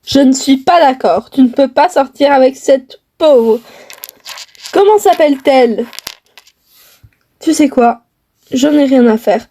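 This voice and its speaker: Brief: snobbish bossy mother, voiced by a woman, shrill indignant scolding, slow delivery. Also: dark tone. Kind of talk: homemade family skit.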